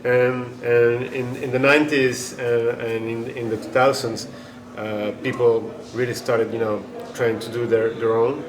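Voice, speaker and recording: A man's voice: medium pitch, flat delivery, a little slow, few pauses. A man from Chile, a band member being interviewed, talking casually and rambling with many restarts and fillers. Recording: echoey room with noisy ambience.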